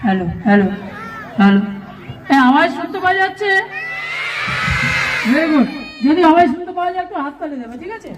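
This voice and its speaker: A man's voice: extremely high pitch, big pitch swings, brisk, pauses often, a crowd in the background. A man working as a stage puppeteer, delivering live comic patter with insistent, repeated questions. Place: school program stage with audience. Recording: muffled, echoey, noisy live audience recording.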